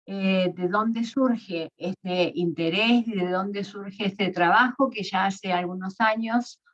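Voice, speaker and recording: Slow-spoken woman lecturing. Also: medium pitch, fairly bright tone, highs cut off. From Argentina. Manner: measured, with fillers and self-corrections. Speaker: guest lecturer. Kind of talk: academic lecture.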